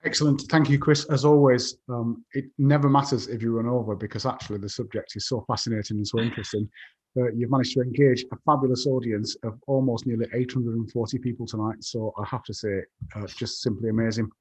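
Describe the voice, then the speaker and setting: A man's voice: mid-range voice, fairly even intonation, fast talker, darkish tone, breathy edge. A man hosting a webinar, enthusiastic and rambling with restarts. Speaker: webinar host. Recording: dull lo-fi audio.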